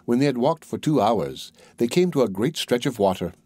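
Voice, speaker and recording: A man narrating a fairy tale in measured, scripted storybook style, recorded on a close mic. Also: medium pitch, lively intonation, darkish tone, no echo. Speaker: audiobook narrator.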